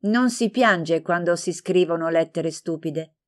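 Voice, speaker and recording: A woman's voice: on the low side, measured pace, lightly acted. A woman voicing a jealous, sulky young girl who pouts and asks reproachful questions in a storybook reading.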